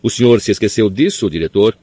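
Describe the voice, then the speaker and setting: A man's voice: on the low side, animated, brisk, warm tone, slightly rough, no room sound. A man reading an audiobook, voicing a cold male professor who sneers and snarls. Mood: contemptuous. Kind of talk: audiobook character voice.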